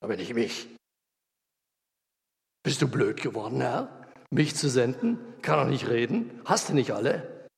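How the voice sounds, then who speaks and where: A preacher acting out a whining, reluctant old prophet who pleads to be let off. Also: male voice, mid-range voice, animated, unhurried, gravelly, long pauses. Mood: pleading. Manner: pleading, whining, making excuses. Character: whiny reluctant old prophet Moses, male. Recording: reverberant hall.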